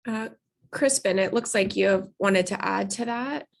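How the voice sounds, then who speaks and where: A woman moderating a workshop discussion over a video call, polite and brisk. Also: medium pitch, vocal fry.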